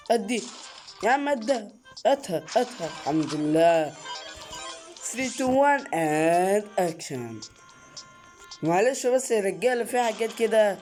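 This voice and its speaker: A gaming channel host with an Egyptian Arabic accent provides excitable let's-play commentary. He repeats short exclamations and breaks out in sudden high yelps.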